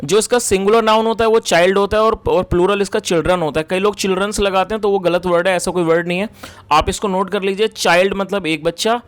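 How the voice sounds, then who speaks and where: A man's voice: high-pitched, steady tone, fast talker, clean tone. A man explaining English story sentences word by word in Hindi, as a language teacher, with frequent fillers and restarts.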